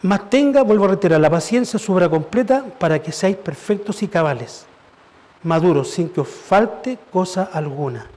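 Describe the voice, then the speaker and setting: A man's voice: high voice, lively intonation, moderate pace, darkish tone. A man preaching as pastor, conversational and asking rhetorical questions. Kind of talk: sermon. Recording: church service.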